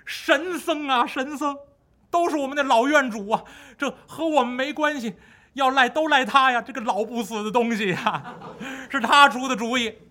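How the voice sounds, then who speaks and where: A man voicing a crowd of frightened male temple monks in a spoken folk tale, shrill and excitable. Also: normal speed. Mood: pleading.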